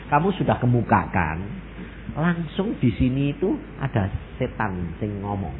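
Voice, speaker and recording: A man with a Javanese accent preaching a sermon, animated, mixing in Javanese and acting out quoted prayers. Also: mid-range voice, a little hiss or hum. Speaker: pastor. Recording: tinny phone-like sermon recording.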